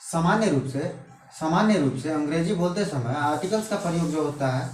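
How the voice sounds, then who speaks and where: A man teaching an English grammar lesson in Hindi, speaking slowly and repeating each point, asking questions and then answering them himself. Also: on the high side, distant mic, soft background music. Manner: slow, repetitive, asks rhetorical questions and answers them. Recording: echoey room, voice off-mic with faint noise.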